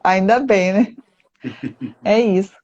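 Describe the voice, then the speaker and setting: A woman's voice: medium pitch, takes it slowly, darkish tone, highs cut off. A woman with a Brazilian Portuguese accent, hosting a live-stream interview as a therapist and speaking earnestly, often ending points with "né?". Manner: earnest, emphatic, with frequent "né?" tags.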